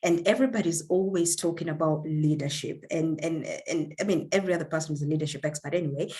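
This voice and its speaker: A woman from Kenya with a low voice speaks to young leaders over a video call. She is earnest and warm, and she often restarts her sentences and fills gaps with "um". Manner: warm and earnest, with frequent fillers and repeated words. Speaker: guest speaker. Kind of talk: online leadership talk.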